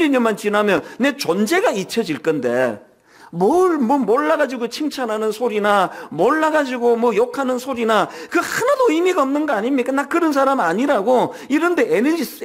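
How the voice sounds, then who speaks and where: A man in his sixties, the senior pastor, preaching a Sunday sermon in a church, telling personal stories with humor and asking the congregation frequent rhetorical questions. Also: very high-pitched. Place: church sanctuary.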